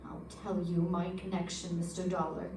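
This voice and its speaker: This woman's pitch is fairly low and monotone, her pace moderate, her voice a little mellow and natural. She voices a nervous, earnest man with information to share who fears for his life, gravely convinced, in an old-time radio drama captured with a distant mic, room echo, and background noise.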